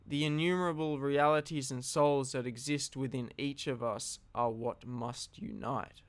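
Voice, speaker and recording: A man giving an earnest, reflective philosophical monologue, speaking deliberately in short phrases with long pauses. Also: mid-range voice, steady tone, dry recording. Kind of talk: solo reflective monologue, slow spoken address.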